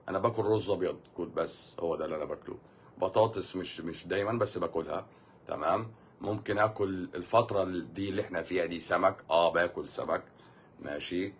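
An Egyptian man hosting a casual live stream, answering viewer comments with quick jokes. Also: deep voice, gravelly, husky. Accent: Egyptian Arabic. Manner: quick, joking, reads viewer comments aloud.

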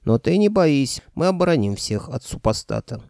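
A man's voice: mid-range voice, very animated, normal speed, vocal fry, a little mellow, no room sound, studio quality, voice pushed up. A man voicing a stern, folksy old grandfather who speaks firmly. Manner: folksy, firm.

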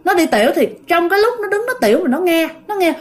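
A woman's voice: very high-pitched, fast talker. A woman telling a ghost story in a chatty, casual way, often talking straight to her listeners. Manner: chatty, addresses listeners directly, animated when telling scary parts.

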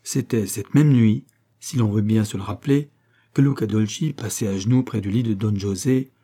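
A man reading a classic French novel aloud in a measured, even narration. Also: fairly low pitch, breathy edge. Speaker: audiobook reader. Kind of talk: literary narration.

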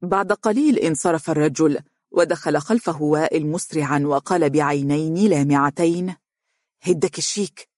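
Steady audiobook narrator, dry sound. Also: medium pitch, normal speed, no echo.

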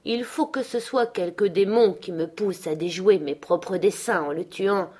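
A woman's voice: mid-range voice, a little slow, husky. A woman reading aloud as a desperate, threatening man on the edge of madness. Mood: menacing. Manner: dark, threatening declamation.

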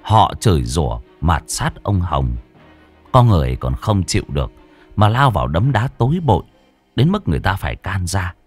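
Male ghost-story narrator, low and expressive, dry close sound. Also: no echo. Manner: lively, emphatic.

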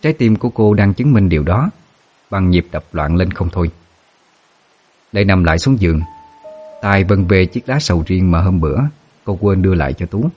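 A man narrating a ghost story in a steady, dramatic way. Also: low voice, normal speed, long pauses, breathy edge, faint music behind.

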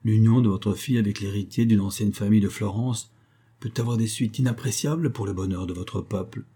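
Male reader as a calm, earnest young noble, slightly raised pitch, dark husky tone. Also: a little fast.

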